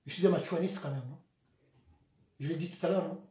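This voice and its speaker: An activist vlogger from the Republic of the Congo delivers an impassioned political monologue in a Congolese French accent, lurching between shouts and quiet, bitter asides. His voice is fairly high and brisk, and the sound is roomy.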